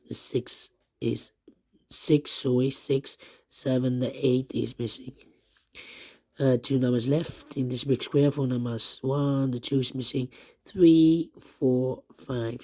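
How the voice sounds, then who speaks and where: A man who has partly lost his voice, walking through a puzzle step by step in halting, repetitive short phrases. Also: mid-range voice, mellow. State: lost voice, strained and troubled. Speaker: puzzle tutorial host. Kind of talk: step-by-step puzzle walkthrough, thinking aloud.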